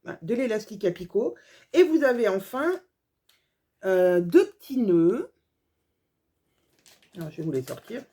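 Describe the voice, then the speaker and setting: French woman showing off sewing supplies, mellow voice, chatty and gushing. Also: mid-range voice, very animated, measured pace, long pauses. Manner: chatty, gushing over small details, many fillers. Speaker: sewing vlogger. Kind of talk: casual haul video.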